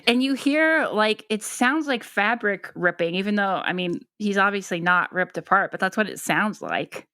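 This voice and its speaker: A woman's voice: medium pitch, lively intonation, moderate pace, pushed and bright, dry recording, studio quality. A woman co-hosting a film podcast in casual chat, using lots of fillers and laughing at her own points. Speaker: podcast co-host.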